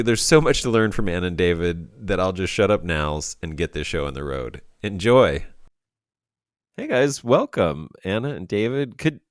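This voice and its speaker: A man's voice: sits low, no room sound. A man hosting a podcast, welcoming listeners and interviewing his guests with enthusiasm. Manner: enthusiastic, laughs often. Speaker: podcast host. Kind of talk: casual interview.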